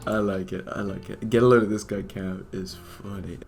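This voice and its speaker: A man's voice: on the low side, little pitch movement, moderate pace, gravelly, over music. A man animating at his computer, talking to himself in a rambling, fretful way with many restarts. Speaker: animator and video creator. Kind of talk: casual self-talk while working.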